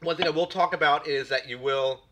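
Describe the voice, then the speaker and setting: This stream host, recovering from a cold, talks to his audience over a home desk mic in a bright, forward tone. His voice sits on the high side and moves fairly quickly, and he wanders through his chat, doubling back on words and welcoming viewers.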